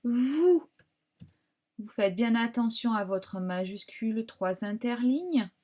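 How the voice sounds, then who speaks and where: A woman teacher with a French accent giving a slow, careful dictation lesson to young pupils, spelling words out. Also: on the high side, fairly even intonation, a little mellow. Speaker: primary school teacher.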